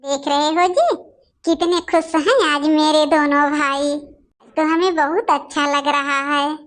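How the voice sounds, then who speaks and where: Woman doing a bossy big-sister wife in a cartoon, very high voice, lectures a lot. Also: measured pace. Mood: fond. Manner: scolding, lecturing. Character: young wife and elder sister, scolding.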